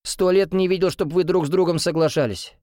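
A grumpy old grandfather with a creaky voice, acted out by a male storyteller. He grumbles with mock-tragic drama, pitched well above the reader's own voice. The sound is dry and close. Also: steady tone, a little fast, a little mellow, dry recording, lightly acted.

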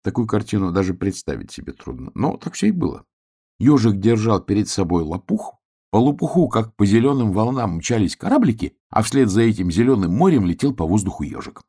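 A man narrating a children's storybook with expressive storytelling. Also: fairly low pitch, fairly quick, breathy edge.

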